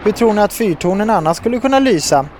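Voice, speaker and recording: A man's voice: high voice, lively intonation, darkish tone, slight background noise, pitched above the performer's own voice. A man voicing a blunt, matter-of-fact old bearded fisherman.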